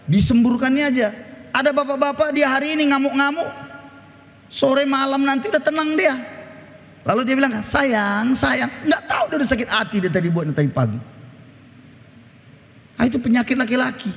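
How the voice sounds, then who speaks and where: A man's voice: very high voice, a little fast, long pauses, fairly bright tone. A pastor preaching a sermon, telling stories with animation and quizzing his congregation. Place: church. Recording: echoey church hall.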